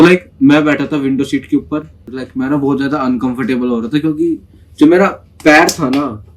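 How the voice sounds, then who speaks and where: A young man telling a school story in a casual, chatty way, full of fillers and quick acted-out quotes. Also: on the high side, a little mellow, slightly rough. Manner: chatty, many fillers, acts out quoted voices.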